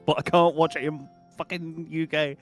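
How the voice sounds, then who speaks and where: A man's voice: fairly high pitch, little pitch movement, normal speed. Sardonic sweary man in his thirties. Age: 30s. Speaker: gaming stream co-host. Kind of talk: casual chat. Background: game music.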